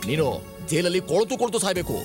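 A man's voice: on the low side, big pitch swings, quick pace. An actor playing a bitter male police officer who talks sarcastically and threatens. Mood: menacing. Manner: sarcastic, menacing. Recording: film soundtrack with music.

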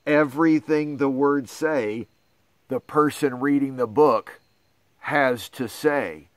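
With no room sound at all, a middle-aged pastor reads aloud to schoolchildren from a picture book, slowly and at medium pitch. His delivery is theatrical, full of overdone astonishment and dismay.

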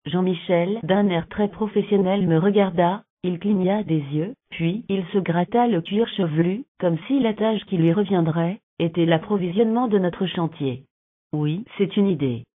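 A synthetic woman's voice reading a novel aloud in a flat, monotone way with uneven phrasing. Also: fairly low pitch, moderate pace, few pauses. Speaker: narrator. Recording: narrow phone-like sound.

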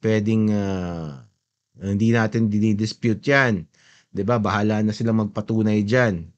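A man's voice: on the low side, fairly even intonation, measured pace, dull audio. A man hosting a podcast, casually commenting on a video as he plays it, mixing Tagalog with English and often checking that his listeners agree. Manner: mixes Tagalog and English, often seeks agreement with a questioning tag. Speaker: podcast host.

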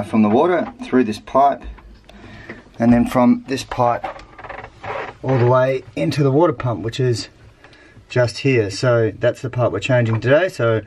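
A man in his forties on a sailboat, talking through an engine repair at a relaxed pace with plenty of ums. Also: medium pitch, slight background noise. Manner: relaxed, matter-of-fact, hesitant with ums. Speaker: sailing vlogger. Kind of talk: casual how-to narration. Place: aboard a sailboat, engine bay and deck outdoors. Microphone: handheld action camera.

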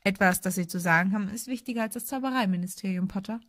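A woman's voice: medium pitch, fast talker, fairly bright tone, no echo, clean studio sound, natural voice. A woman voicing a stern, cool older female professor who talks in a clipped, brusque way.

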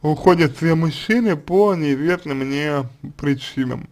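A man answering a reader's letter as a psychologist, in a halting, deliberate monologue full of fillers and restarts. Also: on the high side. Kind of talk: slow consulting monologue.

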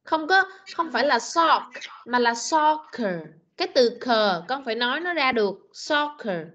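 Vietnamese lady teacher on a video call, slightly high voice, drags words out slow, dull muffled audio. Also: expressive, a bit bright. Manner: patient, corrective, slow repetitions. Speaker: English teacher. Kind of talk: online class drilling pronunciation. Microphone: computer mic on video call.

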